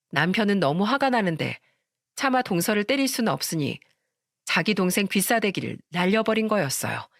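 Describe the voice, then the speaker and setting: A woman's voice: medium pitch, a bit bright, no room sound, clean studio sound. A woman narrating a dramatic family story as a first-person storyteller.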